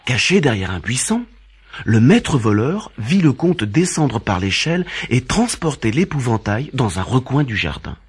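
A man narrating a children's story in an expressive, animated reading. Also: mid-range voice, normal speed, breathy edge. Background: faint background music.

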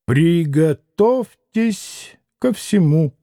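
A haughty male doctor who answers in short, clipped phrases and sounds impatient, read by a man. The voice sits high but stays mellow. The recording is dry and close. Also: expressive, slow pace, dry recording, heavily acted. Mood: curt. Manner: curt, clipped speech.

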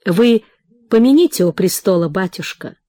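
A woman reading the part of a meek, anxious mother and merchant's wife, gentle and pleading. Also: medium pitch, animated, normal speed, dry recording, clean studio sound, natural voice. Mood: worried.

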